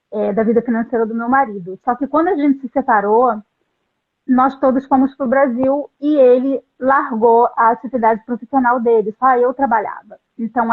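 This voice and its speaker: Over a thin, phone-like connection that resembles a video call, a middle-aged woman recounts her experiences in a reflective interview. She works as a translator and speaks in a somewhat high voice. Her delivery is sincere yet hesitant, with many restarted sentences.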